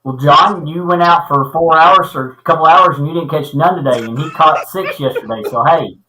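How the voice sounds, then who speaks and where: A man's voice: fairly high pitch, moderate pace, sharp tone, roomy sound, low-quality recording. A man co-hosting a casual fishing livestream from a small basement corner room, his voice hollow as if through a pipe, greeting viewers and teasing friends. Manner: laid-back, teasing, friendly. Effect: hollow pipe-like sound from a small basement corner room.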